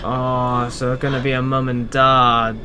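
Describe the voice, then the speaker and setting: A man hosting a reaction video, chatting casually and reacting loudly, sometimes swearing. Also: mid-range voice, level tone, a little slow. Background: show soundtrack music.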